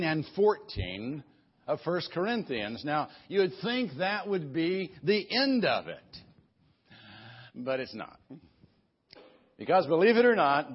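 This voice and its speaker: A man preaching an expository sermon as a pastor in a careful, unhurried way, phrasing deliberately with pauses, on a dull lo-fi recording. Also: fairly high pitch. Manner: careful, unhurried, step-by-step delivery.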